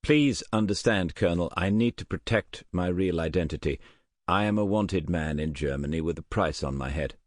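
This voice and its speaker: A man's voice: low voice, normal speed, no room sound, studio quality, natural voice. A man voicing an earnest, careful German officer who has defected, answering questions politely in an audiobook. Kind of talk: audiobook character voice.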